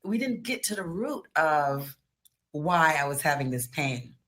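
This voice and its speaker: She's an American guest, born in New York, who practices as a tantric therapist and psychotherapist and shares personal stories in a relaxed interview, dramatizing her reactions. Her voice is low-pitched yet fairly bright in tone, expressive and measured in pace.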